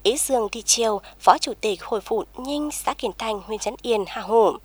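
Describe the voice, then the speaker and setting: A woman reading a scripted news report in an even, formal manner. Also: a little high, normal speed, husky, dry recording.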